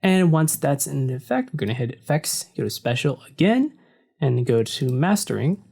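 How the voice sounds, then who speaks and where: A tutorial narrator with a deep, somewhat creaky voice walks through audio editing at a moderate pace, easygoing and explanatory with frequent "so" and "uh". The casual screen recording is made at his desk in a home room lacking soundproofing, using a desk mic that faces the screen.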